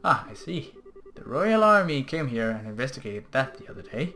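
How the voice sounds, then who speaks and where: A man voicing a polite, gentle old village elder from a video game. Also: mid-range voice, very animated, normal speed, soft background music. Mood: kindly.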